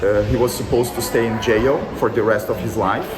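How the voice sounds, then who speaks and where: At an outdoor polling site amid a busy city crowd, a man from southern Brazil answers a street interview in English with a Brazilian Portuguese accent, hesitant and earnest, with many fillers and restarts. His lowish voice is fairly even and brisk, and the echoey street is loud with crowd and background noise.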